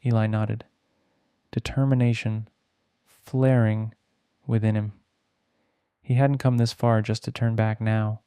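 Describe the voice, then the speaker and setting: Mellow, smooth male bedtime storyteller. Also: on the low side, little pitch movement, slow pace, pauses often, dry recording. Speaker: storyteller, narrator. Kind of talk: slow bedtime story narration.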